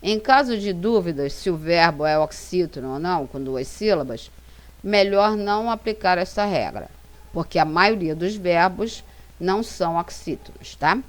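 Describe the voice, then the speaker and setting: Brazilian woman teacher with a Brazilian Portuguese accent, patient slide-lesson narration, a bit low-pitched. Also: expressive. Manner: slow, careful dictation of example sentences. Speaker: English teacher. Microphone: voice-over for slides.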